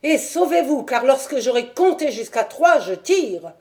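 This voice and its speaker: A woman voicing an irritable old man who keeps animals, who first shouts threats and then turns fussy and polite. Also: mid-range voice, expressive, moderate pace, natural voice. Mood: shouting angrily. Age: over 60.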